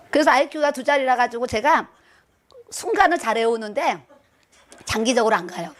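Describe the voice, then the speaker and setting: A woman's voice: sits high, slight background noise. A middle-aged woman, a pastor's wife, preaching a sermon. She speaks emphatically, repeats her words and chuckles through self-mocking asides.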